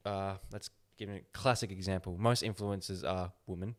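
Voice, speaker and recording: Male podcast host, low-pitched, speaks slowly and deliberately with firm opinions. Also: fairly even intonation. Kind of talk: casual podcast chat.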